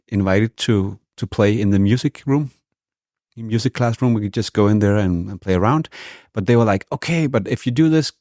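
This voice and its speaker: A man's voice: on the low side, warm tone, no room sound, studio quality. A man from Denmark, a guest musician, answering interview questions casually and hesitantly, with many restarts.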